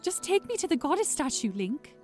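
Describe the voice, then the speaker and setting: A curious, earnest young princess in a radio drama. Her voice sits high and swings widely in pitch. Soft music plays faintly behind her. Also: sing-song, a little fast. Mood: deflated. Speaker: voice actor. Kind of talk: audio drama acting.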